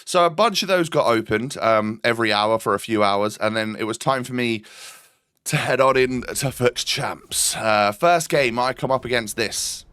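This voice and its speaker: A man's voice: medium pitch, moderate pace, fairly bright tone, clean tone, no room sound, studio quality. A man with a stuffy nose from an oncoming cold, giving chatty gameplay commentary as host of his gaming channel, with frequent ums and repeated words.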